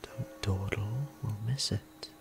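Slow and fairly low-pitched with vocal fry, a man voices a centuries-old vampire priest in an intimate ASMR roleplay. The character is gentle and courteous, murmuring formally and tenderly in a half-whisper, sounding tender and softly awed.

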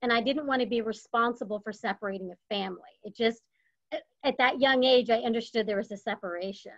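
A woman's voice: fairly high pitch, quick pace. Earnest woman from Texas on a lo-fi call. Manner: earnest, reflective storytelling. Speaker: panelist. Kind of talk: video call panel discussion. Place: home room, indoors. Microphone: webcam on video call. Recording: dull lo-fi call audio.

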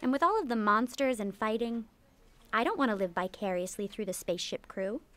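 A woman voicing a thoughtful, frank 1960s office-worker puppet who explains things in a measured way. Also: fairly high pitch, lively intonation, fairly bright tone. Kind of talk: comedic puppet parody dialogue.

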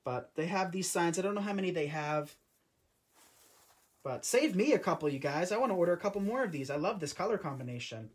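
A young man in his early twenties hosts a live crafting stream from his home craft room, filmed by a camera or phone on a tripod above the table. His high, brisk voice is relaxed and chatty, loose and conversational, with frequent restarts as he demos his craft.

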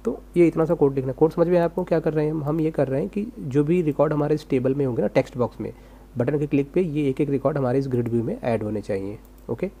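A man's voice: on the high side, fast, dark tone. A man giving a casual screen-recorded coding lesson, asking himself rhetorical questions as he types. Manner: casual, rhetorical self-questions, talks while typing. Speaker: programming tutor.

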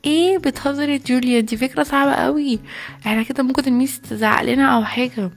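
A woman's voice: high-pitched, fairly even intonation, quick pace. A woman with an Egyptian accent voicing a giggly, chatty schoolgirl accomplice in a toy play video. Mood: eager. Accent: Egyptian Arabic.

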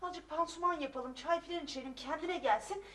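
A witty, earnest young daughter. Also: female voice, high voice, a little fast, fairly bright tone, distant mic. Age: young adult. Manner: earnest, arguing on principle. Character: witty, well-read, kind-hearted young woman. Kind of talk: sitcom acting.

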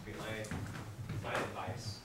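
A man giving a classroom lecture to students, lively and acting out examples as he explains. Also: lowish voice, takes it slowly. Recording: very echoey room, distant mic, background noise.

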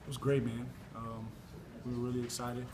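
A man's voice: mid-range voice, moderate pace. Young man in a noisy locker room. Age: young adult. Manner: relaxed, repeats "man" and "you know". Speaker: basketball player. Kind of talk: postgame locker room interview. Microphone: reporters' recorders and camera mics held close. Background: loud crowd chatter.

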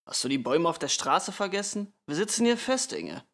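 A man reading a weary father who speaks quietly and calmly, turning sharp when pushed. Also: mid-range voice, brisk, lightly acted. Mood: exasperated. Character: calm weary father, middle-aged man.

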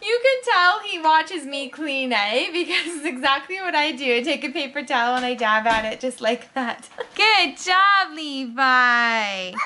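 A woman's voice: high-pitched, animated, normal speed, hardly any pauses, noisy background. A woman from Canada filming her kids at home for a family vlog, speaking to them in an encouraging, praising way. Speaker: vlogger, mother.

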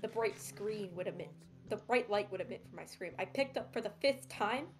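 Woman streamer reading a story out loud, snarky, swears a lot, faint music in the back. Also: mid-range voice, moderate pace. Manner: sarcastic, swears freely, breaks off to joke. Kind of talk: reading a story aloud with casual commentary.

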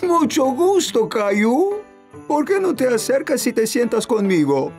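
Jolly, hearty old Santa Claus. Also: female voice, a little high, very animated, unhurried, a little mellow. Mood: jolly, welcoming. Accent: Latin American Spanish. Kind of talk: children's cartoon dub. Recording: music behind the voice.

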